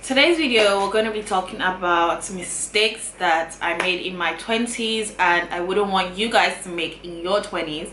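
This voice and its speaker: Here the same kind of YouTuber, a woman in her twenties, talks to camera at a moderate pace with hardly any pauses, her voice on the low side. She offers sincere advice, often repeating herself, over background music. Her camera mic gives bright, roomy audio with faint ambience.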